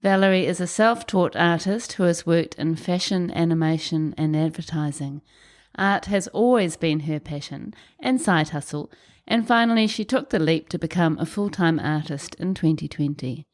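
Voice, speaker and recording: A woman hosting a podcast interview in a guest's apartment, warm and encouraging, with affirming responses. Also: on the low side, normal speed. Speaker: podcast host. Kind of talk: scripted intro then conversational interview.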